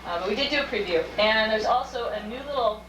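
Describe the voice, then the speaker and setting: A woman's voice: on the high side, expressive, quick pace. A woman chatting informally to a convention audience as she presents her fan videos, recorded on old VHS camcorder tape. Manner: chatty, informal, addresses the crowd directly. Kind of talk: casual panel talk to an audience. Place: convention screening room with audience. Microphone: camcorder mic from across the room. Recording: echoey hall, distant camcorder mic, tape hiss.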